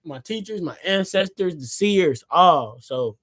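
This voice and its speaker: A man with a high-pitched voice reads from his own book on a casual livestream, sounding tired. He speaks loosely, repeats himself and asks his viewers to say words back to him. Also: lively intonation, a little slow, a bit bright. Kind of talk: casual livestream reading with asides. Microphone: phone or computer mic on a livestream.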